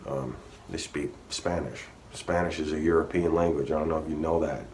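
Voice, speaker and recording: Low-voiced man ranting casually. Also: fairly even intonation, moderate pace, a little mellow, a little hiss or hum. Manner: rambling, profane, restarts often. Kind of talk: casual profane history rant.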